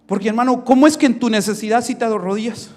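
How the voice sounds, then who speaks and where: A man with a very high voice preaches a sermon in church, holding a microphone. He jokes with the congregation in soft asides, then rises to loud, shouted exhortation. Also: quick pace. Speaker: pastor. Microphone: handheld microphone.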